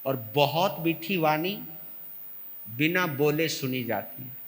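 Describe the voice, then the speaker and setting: A man, a monk, giving a sermon, lively and swinging between loud and soft as he acts out quarrels. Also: fairly high pitch, slow, in a large hall. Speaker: Jain monk giving a discourse.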